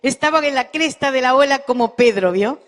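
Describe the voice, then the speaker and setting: A woman's voice: high-pitched, brisk, a bit bright, big-room sound. A middle-aged woman pastor, telling a testimony in a sermon and quoting dialogue as she goes. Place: church.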